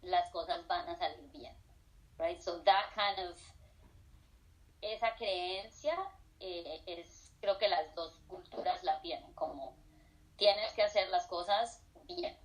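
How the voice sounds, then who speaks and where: Taking it slowly on a rough recording, a middle-aged Colombian professor with a voice on the low side gives casual interview answers. She alternates between Spanish and English, hesitant and filled with fillers and restarts.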